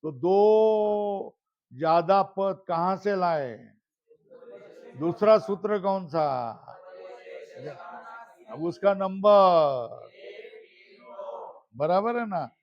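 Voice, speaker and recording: On a slightly dull lo-fi recording, a man with a high, animated voice teaches Sanskrit grammar, drawing out his words and leaving long pauses. He quizzes his class and chants terms back to them in drill fashion.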